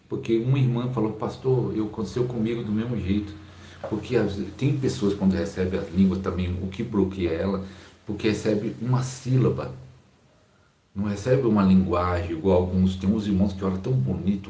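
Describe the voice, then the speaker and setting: A man with a Brazilian Portuguese accent, a pastor teaching his audience in a slow, calm, soft-spoken way, recorded on a phone's built-in mic. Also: deep voice, echoey room, slight background noise. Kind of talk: informal teaching talk to a live audience.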